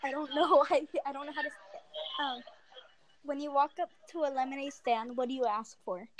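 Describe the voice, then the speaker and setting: A woman's voice: high voice, steady tone, fairly quick. A woman chatting casually with friends in a playful, singsong way over a noisy background. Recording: clearly noisy background, mic clicks.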